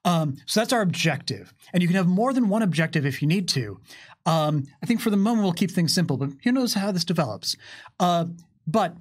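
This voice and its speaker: High, animated and brisk, this man's voice is slightly rough. In his thirties, he's a game developer co-hosting a tabletop game demonstration and casually explaining the rules. He's seated at a table in a small curtained studio, speaking into a microphone on a boom stand.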